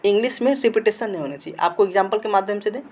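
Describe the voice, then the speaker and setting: Talking very fast in a high, slightly mellow voice, a male grammar instructor leads a lesson built around slides. He fires questions at students, answers them on his own, and keeps repeating the key words.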